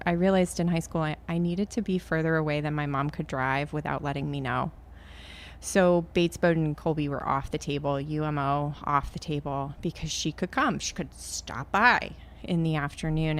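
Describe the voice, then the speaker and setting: A woman's voice: sits low, steady tone, normal speed, creaky. A middle-aged woman from Maine, a podcast guest, talking in a chatty, self-deprecating way. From Maine, USA. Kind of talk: conversational interview.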